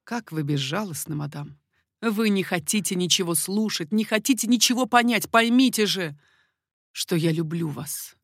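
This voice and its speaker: A woman's voice: mid-range voice, normal speed, dry recording, studio quality, close to an everyday voice. A woman reading an audiobook, voicing an ardent, devoted young nobleman who pleads fervently. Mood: pleading.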